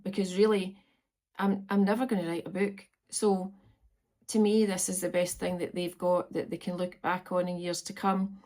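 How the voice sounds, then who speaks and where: Speaking in a mid-range voice with a darkish tone, this fifty-something Scottish vlogger has a casual, meandering chat to camera, full of ums. She's indoors at home on a farm.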